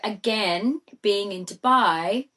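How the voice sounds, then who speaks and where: Her pitch is medium and her tone fairly bright, and she talks slowly. This middle-aged Australian woman, who sings and DJs, wanders through a relaxed podcast chat as a guest, filling it with lots of ums and fillers.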